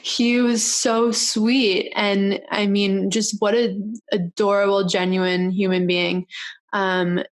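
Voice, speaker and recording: A woman's voice: mid-range voice, level tone, slow pace. A young woman hosting a casual video interview, bubbly and teasing, laughing often. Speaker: host.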